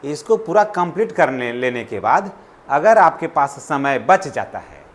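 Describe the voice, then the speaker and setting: A man, hosting a channel and reading out an exam syllabus topic by topic in quick, repetitive instructions. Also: mid-range voice, a little hiss or hum. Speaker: channel host.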